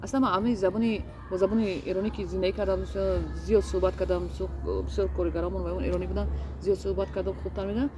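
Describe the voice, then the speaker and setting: Earnest woman, halting speech. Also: medium pitch, level tone. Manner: earnest, hesitant, many restarts and fillers. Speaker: interview guest. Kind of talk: casual interview.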